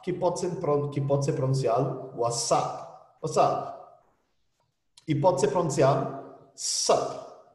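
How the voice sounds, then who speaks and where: Through a computer mic in an online class, a middle-aged man with a Brazilian Portuguese accent chats his way through an English lesson, leaning on tag questions. His voice is a little high and a little mellow, with roomy echo from speaking at a distance.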